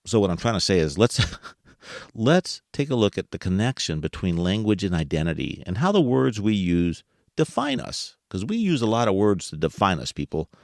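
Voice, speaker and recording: A man's voice: low-pitched, no room sound, studio quality. A man hosting a podcast, talking casually to listeners, asking them rhetorical questions and chuckling as he goes. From United States. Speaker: podcast host.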